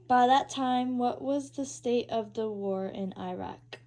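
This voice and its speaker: A woman interviewing her uncle at his house, reading prepared questions in a steady, formal way. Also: fairly high pitch, unhurried. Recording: poor quality home recording.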